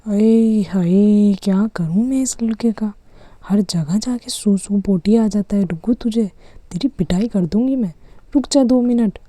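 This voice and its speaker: A fed-up mother , as a woman puts her on, in a doll-play cartoon, scolding in quick bursts. The tone is dark and mellow and sounds dry and close-miked. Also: mid-range voice, no echo, lightly acted. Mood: exasperated. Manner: scolding, fast, exasperated. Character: exasperated mother Poonam, scolding.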